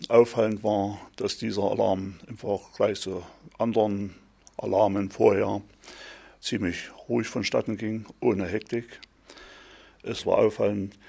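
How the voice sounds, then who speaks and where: A man in his fifties recounts events in a halting way, with pauses between phrases. His voice sits fairly low and has a gravelly, husky grain. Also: dark tone. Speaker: interviewee, former police reservist. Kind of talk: recorded testimony.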